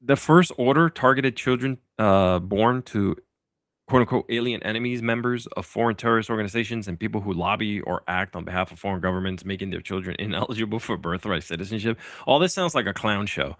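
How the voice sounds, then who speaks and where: A man's voice: lowish voice, fairly quick, fairly bright tone, no room sound, clean studio sound. A man hosting a political talk podcast, speaking casually and sarcastically, with lots of fillers and restarts. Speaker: podcast host.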